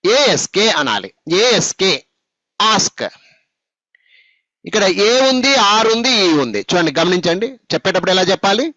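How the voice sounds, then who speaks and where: A man's voice: high voice, big pitch swings, quick pace, hardly any pauses, bright, forceful tone, no room sound. A man teaching spelling, patient and repetitive, drilling letters and speaking straight to his students. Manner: patient, repeats and drills, addresses students directly. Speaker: spoken English teacher. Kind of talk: classroom lesson, spelling out letters. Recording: dull, dry lo-fi recording.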